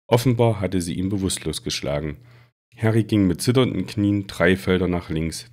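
Low-voiced guy reading a book aloud, steady storyteller. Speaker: reader.

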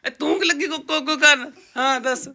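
A woman's voice: sits high, a little fast, vocal fry, sharp tone, shouting. A woman with a Punjabi accent hosting a casual family vlog, playfully teasing and chatting. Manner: playful teasing, repeats words in baby talk. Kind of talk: casual chat to camera and family.

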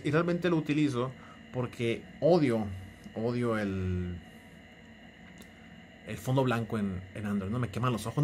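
A man's voice: mid-range voice, slight background noise. A young man with a Mexican accent chatting through a casual phone tutorial, joking and teasing the viewer as he goes. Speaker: tech YouTuber.

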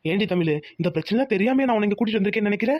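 A woman's voice: medium pitch, lively intonation, rapid-fire, no echo, muffled recording, close to an everyday voice. A woman voicing an insistent young village husband in a cartoon. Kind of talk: cartoon voice acting.

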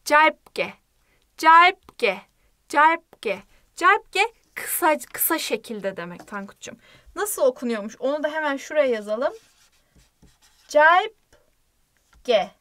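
A woman teaching a language lesson in a playful manner, repeating words slowly for learners. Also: high voice, lively intonation, sharp tone, no room sound, clean studio sound.

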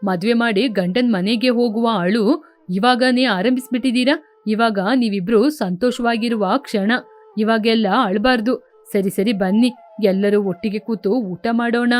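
A woman voicing a kindly, jovial middle-aged family elder in a storybook tale, speaking lower than her own voice. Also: unhurried, natural voice. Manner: warm teasing, fatherly.

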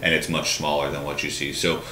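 He's a bowling show co-host in his thirties, sitting at a studio desk and answering questions in a casual chat full of restarts and hand gestures as he explains at length. His voice rumbles low, level and sharp, at a brisk pace, with roomy studio echo and a faint hum behind it.

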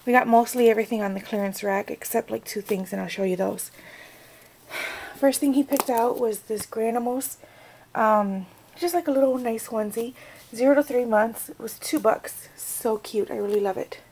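A woman's voice: a little high, moderate pace, darkish tone, slight background noise, rough recording. A young American woman chatting casually in a vlog, rambling with lots of fillers. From United States. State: out of breath. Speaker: vlogger.

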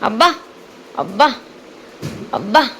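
A woman's voice: fairly high pitch, very animated, slow, a bit bright, slight background noise, poor audio. A woman, playfully teasing and baby-talking to her dogs in a sing-song, coaxing way. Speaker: dog owner vlogger.

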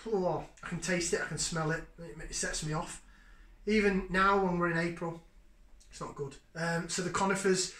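In an echoey home kitchen, a man in his thirties does a casual beer review, eagerly chatting between sniffs and sips. His voice runs on the high side, bright and forceful. The sound comes from a fixed camera placed at table distance.

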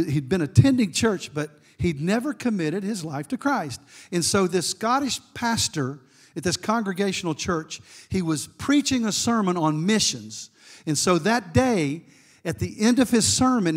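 A middle-aged man giving a sermon as guest preacher, telling a story with asides to the congregation. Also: fairly high pitch.

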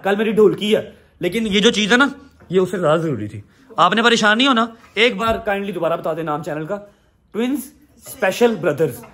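Guy vlogging, high bright voice, jokey and pushy, lots of "theek hai". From Pakistan. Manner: warm, teasing, emphatic. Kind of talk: casual family vlog talk.

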